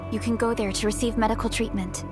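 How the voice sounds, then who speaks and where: Calm young woman supervisor, game actress, businesslike, slightly high, music bed. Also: close to an everyday voice. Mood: serious. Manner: measured, businesslike.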